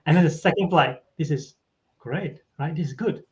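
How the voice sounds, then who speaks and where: A man's voice: on the high side, moderate pace. A man, a podcast guest chatting casually about his life and tagging his sentences with "right?". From Malaysia. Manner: tags sentences with a questioning "right?". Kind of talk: casual interview chat. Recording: dull lo-fi audio.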